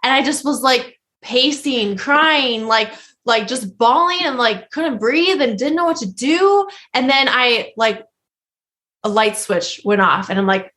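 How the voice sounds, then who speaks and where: A young woman hosting a podcast, telling a story in casual chat, rambling and animated, laughing often. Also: on the high side, a little slow. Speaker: podcast host.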